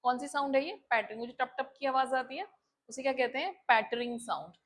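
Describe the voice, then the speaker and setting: A woman's voice: high voice, fairly quick, fairly bright tone. A woman teacher with an Indian accent explaining a poem, asking questions and then answering them herself. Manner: asks and answers her own questions. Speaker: English teacher. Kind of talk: classroom lesson in Hindi-English mix.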